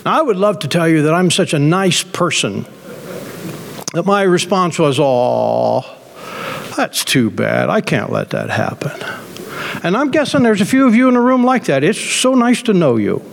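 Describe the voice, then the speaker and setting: Middle-aged pastor preaching with long reverb. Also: male voice, high-pitched, animated, moderate pace, slight background noise. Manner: emphatic storyteller with many fillers and restarts. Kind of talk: sermon.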